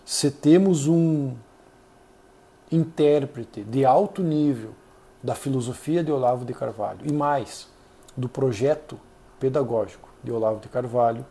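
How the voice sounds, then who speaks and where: A Brazilian man hosting a channel, giving earnest, measured solo commentary with frequent hesitations. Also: medium pitch, dark tone. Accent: Brazilian Portuguese. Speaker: channel host reviewing an essay.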